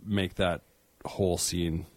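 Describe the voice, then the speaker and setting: A man co-hosting a casual wrestling podcast, rambling and animated, breaking into loud excited bursts. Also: deep voice, slow pace, dry recording. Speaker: podcast co-host. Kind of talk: casual chat about wrestling.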